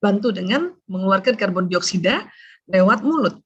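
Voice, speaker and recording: A woman giving a seminar talk on family and emotions, animated, acting out short exchanges between parent and child. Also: medium pitch, moderate pace, breathy edge, no echo, highs cut off.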